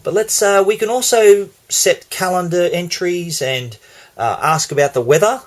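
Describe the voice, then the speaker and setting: A man's voice: high voice, normal speed. Chatty Australian tech reviewer man. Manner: chatty, explains as he goes, some restarts. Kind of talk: casual product demo.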